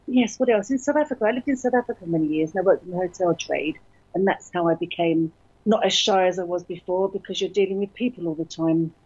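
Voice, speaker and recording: A woman's voice: fairly low pitch, fast, a little mellow, breathy edge, dull audio. A middle-aged woman, born in Berlin and raised in London, chatting in a rambling, upbeat way as a guest about her life in radio. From born in Berlin, grew up in London. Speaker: radio station founder, guest. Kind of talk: casual interview talk.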